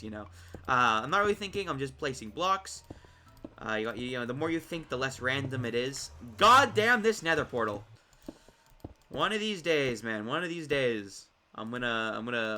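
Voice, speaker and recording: Brief: male gaming commentator, eager and chatty, bright edgy voice with cracks, soft music underneath. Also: mid-range voice. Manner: excitable, rambling self-talk to viewers. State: voice cracking from overuse. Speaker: gaming video creator. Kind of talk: casual gameplay commentary.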